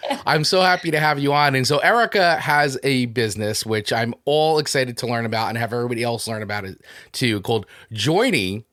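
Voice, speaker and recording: A man's voice: medium pitch, fast, fairly bright tone. A man with a New Jersey accent hosting a podcast interview, upbeat and enthusiastic as he promotes the show and greets his guest. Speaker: podcast host.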